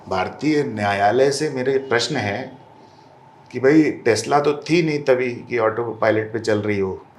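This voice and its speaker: A man's voice: medium pitch, echoey room, slight background noise. A man giving a candid interview as a guest. He talks bluntly and combatively and mixes Hindi with English phrases. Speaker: interview guest, film director.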